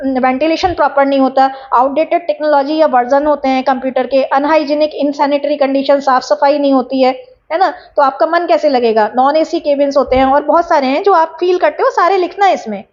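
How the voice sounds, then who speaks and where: A woman's voice: high-pitched, darkish tone, muffled recording. A woman from Bijnor, India, giving an exam-prep lecture, explaining terms and checking in with her students. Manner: explanatory, addresses students as beta, tag questions. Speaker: teacher. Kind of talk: exam-prep lecture in Hindi-English mix.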